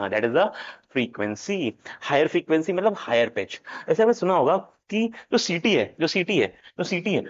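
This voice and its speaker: A man teaching a lesson, playful and jokey, switching between Hindi and English. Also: sits high. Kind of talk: animated classroom lecture. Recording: dull lo-fi sound.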